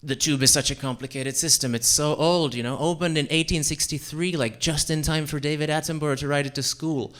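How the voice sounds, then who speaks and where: A young man from Central Europe performing a self-deprecating stand-up set on a comedy club stage, with deadpan delivery and frequent fillers. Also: on the high side, brisk, hardly any pauses. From Czech Republic and Slovakia.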